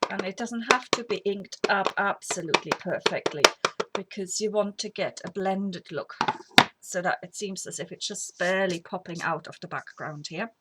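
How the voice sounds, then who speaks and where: A middle-aged woman with a slight cold talks at normal speed in a mid-range voice while demonstrating a craft technique. As the tutorial host, she's chatty and rambling, going quiet to a whisper when concentrating on her work. Faint background noise is audible.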